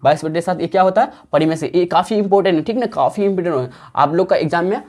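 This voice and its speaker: A woman teaches a maths lesson online in a patient, drawn-out way, using frequent fillers, repeating herself often, and asking and answering her own check-in questions. Her voice is fairly low and a little mellow.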